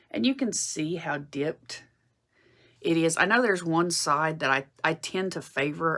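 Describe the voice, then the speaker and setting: A woman's voice: low voice, a bit bright. A woman in her forties chatting casually to camera about her makeup, rambling and often correcting herself mid-sentence. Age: 40s. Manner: rambling, self-correcting, with frequent fillers. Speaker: beauty vlogger.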